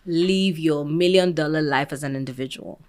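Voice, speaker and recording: A woman's voice: sits low, normal speed. A woman hosting an interview, asking questions in a friendly way with many fillers. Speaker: interview host. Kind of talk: conversational interview.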